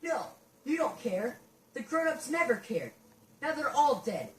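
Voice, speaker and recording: A terrified young boy lost in a ruined wasteland, played by a woman, pleading for help in a raised, high voice. His panicky pleas come from a short way off the mic in a roomy space. A faint hiss sits under the game sound. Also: big pitch swings, a little slow, far from the mic. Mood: frightened.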